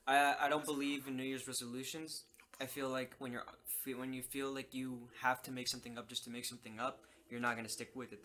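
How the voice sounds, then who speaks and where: A young man co-hosting a casual podcast, talking quickly and correcting himself as he goes. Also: medium pitch, bright, forceful tone. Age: young adult. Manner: quick, self-correcting talker. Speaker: podcast co-host. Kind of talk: casual chat.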